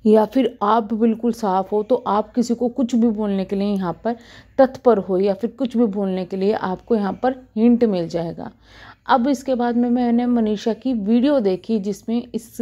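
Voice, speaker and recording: A woman's voice: mid-range voice, warm tone, dull audio. A woman in her thirties talking to camera as a vlogger, earnestly scolding and giving advice. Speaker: YouTube reaction vlogger.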